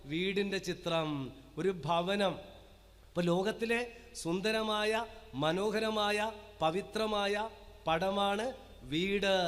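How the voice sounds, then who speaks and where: A priest preaches in a high, carrying voice that rings through a church hall's long reverb. He fires rhetorical questions at the congregation and draws out key words slowly so they will repeat them. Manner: rhetorical questions with call-and-response; slow emphatic listing of words. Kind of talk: parish sermon to a live congregation.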